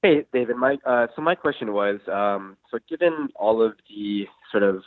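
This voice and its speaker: A man with a fairly low voice comes through as a radio show caller. His call sounds thin and tinny, like a phone line with almost no room sound. He talks casually and hesitantly, leaning on "um" and "like" as he works toward his question. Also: animated, normal speed, no room sound. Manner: hesitant, filler-heavy phrasing with many "um" and "like". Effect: radio show caller heard over a phone line.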